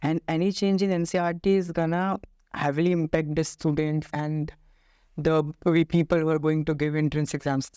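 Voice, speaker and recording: Clear-voiced young Indian man, slightly high. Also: flat delivery, normal speed, mellow, no room sound, studio quality. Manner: deferential, hesitant, says "sir" and "you know" often. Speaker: podcast interviewer. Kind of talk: casual interview questioning.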